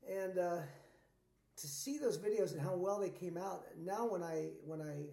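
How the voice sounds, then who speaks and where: A man's voice: high voice, moderate pace, vocal fry, warm tone, echoey room. A man, a singer-songwriter guest, chatting casually in an interview with a rambling, laid-back way of talking. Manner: laid-back, rambling storyteller with many fillers.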